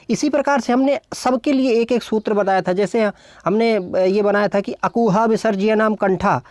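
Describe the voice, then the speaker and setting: A woman's voice: medium pitch, a little mellow, no echo. A woman teaching an exam-solution lesson, explaining step by step and answering her own questions as she goes. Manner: often adds "thik hai" and "dekhiye". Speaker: Hindi exam tutor.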